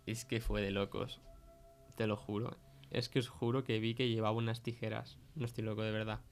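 In an audio fiction podcast, an actor plays a rattled, defensive young man who insistently describes a creepy stalker in hesitant, slangy Castilian Spanish, framed as a conversational interview. His natural-sounding voice is fairly low and flat, fairly quick, over soft background music.

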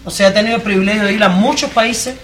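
A woman from Cuba speaks with force at a live public discussion, her Cuban Spanish accent clear in her mid-range voice. She talks fast, addressing the audience directly with rhetorical questions, against slight background noise.

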